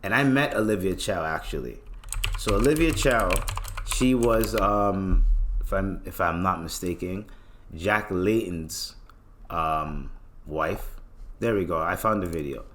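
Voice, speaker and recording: A man's voice: deep voice, a little slow, a bit bright, slight background noise. A young man casually telling a story on a podcast, slangy and swearing freely. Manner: laid-back slangy, swears freely, repeats filler phrases. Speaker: podcast host.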